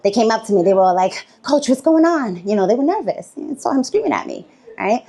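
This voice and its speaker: A woman on stage doing stand-up, her voice swinging up and down as she spins a story. She sits at an ordinary middle pitch and keeps laughing between her lines. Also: big pitch swings, fast talker, gravelly, mellow. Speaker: stand-up comedian. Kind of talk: stand-up comedy set. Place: comedy stage before a live audience.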